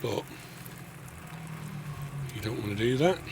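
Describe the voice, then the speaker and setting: A man hosting a casual backyard barbecue cooking show, chatting relaxed to viewers. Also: medium pitch, slow pace. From New Zealand. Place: backyard outdoors. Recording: outdoor noise with passing vehicles.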